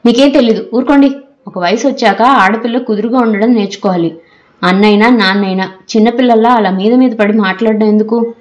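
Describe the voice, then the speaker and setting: A woman's voice: medium pitch, brisk, muffled recording, natural voice. A woman doing a snapping, anxious mother. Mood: scolding. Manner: sharp, scolding outbursts. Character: irritable anxious middle-aged mother, snapping at family.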